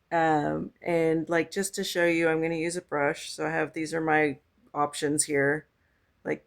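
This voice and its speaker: A woman talks through her art app in a loose, rambling vlog style, full of ums and side remarks. Her voice is hoarse from the morning, with a rough, gravelly fry running under it. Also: low voice. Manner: chatty and rambling, lots of ums and asides. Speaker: digital artist showing her painting app. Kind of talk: casual screen-share demo vlog.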